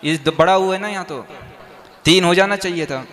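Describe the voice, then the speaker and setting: A man's voice: high-pitched, moderate pace, fairly bright tone. A man, a monk, teaching verse meter to a class, patiently explaining step by step and quizzing them with repeated questions.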